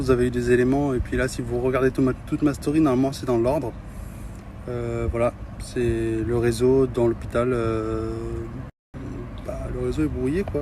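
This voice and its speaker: Jeune Français au parler cru, son bruité. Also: male voice, mid-range voice, noisy background. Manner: offhand, blunt, swearing. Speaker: vlogger filming stories for followers. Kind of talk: casual chat to camera, slangy.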